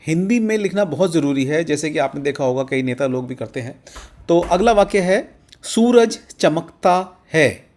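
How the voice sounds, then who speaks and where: A man teaching English to Hindi speakers in an Indian accent, saying each example sentence slowly and word by word. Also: fairly high pitch, lively intonation, darkish tone. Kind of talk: slow explanatory language lesson.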